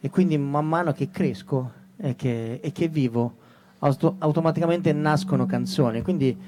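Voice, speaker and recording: A man's voice: a little high, moderate pace. A man, a singer-songwriter being interviewed, speaking reflectively and searching for words. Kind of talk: interview conversation.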